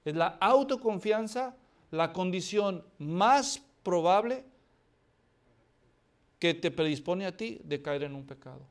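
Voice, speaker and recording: A man with a high-pitched voice preaches a sermon to his congregation. He tells the scripture story dramatically, shifting between loud outbursts and hushed asides, and keeps asking the listeners questions. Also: lively intonation, takes it slowly. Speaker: pastor.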